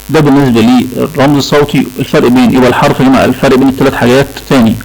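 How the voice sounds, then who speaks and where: A man's voice: mid-range voice, gravelly, poor audio. A man with an Egyptian Arabic accent lecturing a class on English pronunciation, repeating key points and checking in with the students. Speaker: English teacher.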